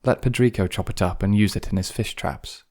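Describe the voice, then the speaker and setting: A man voicing a humble, beaten old fisherman in an audiobook, speaking low, quiet and tired. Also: a little fast, close to an everyday voice. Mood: weary. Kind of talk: audiobook character voice.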